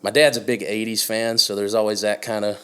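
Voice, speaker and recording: A man's voice: lowish voice, flat delivery, brisk, sharp tone, clear, resonant tone. A young man from Canada, a musician guest, telling stories in loose casual chat with many fillers. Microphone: podcast studio mic.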